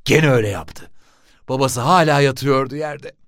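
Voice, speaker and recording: A man narrating a story for an audiobook in a lively, expressive reading. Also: mid-range voice, normal speed, dry recording, clean studio sound.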